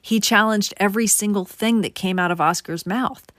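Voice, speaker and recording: A woman's voice: mid-range voice, moderate pace, a bit bright, no echo, clean studio sound. A woman host narrating a true crime case in a casual, conversational way, talking straight to her viewers. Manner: conversational, addresses viewers directly.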